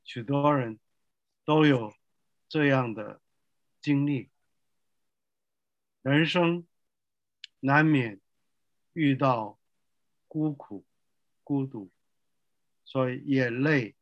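An older male pastor preaching a sermon slowly and emphatically, asking the listeners rhetorical questions. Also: mid-range voice, no echo, highs cut off.

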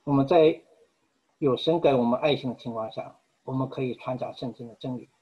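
Male preacher, husky, earnest and measured sermon delivery, dull lo-fi recording. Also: medium pitch. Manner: earnest, measured, with frequent pauses.

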